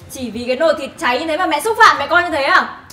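A woman's voice: high voice, fairly quick, close to an everyday voice. An actress playing an indignant young wife who protests on her mother's behalf. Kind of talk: family drama acting.

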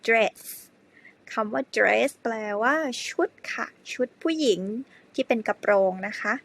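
A woman teaching an English grammar lesson to primary pupils, speaking slowly and spelling words out letter by letter. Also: on the high side, creaky, a bit bright. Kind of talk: slow spelled-out classroom lesson.

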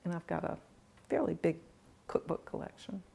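A middle-aged woman, a home cook being interviewed in a large home kitchen, talking in a relaxed, plain-spoken way with dry humor. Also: fairly low pitch, normal speed, gravelly, breathy edge. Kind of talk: casual interview.

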